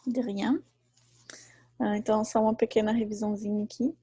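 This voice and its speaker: A woman teaching a live online class who explains patiently and repeats each example slowly. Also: medium pitch, steady tone, warm tone, slightly rough, no room sound. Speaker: French teacher.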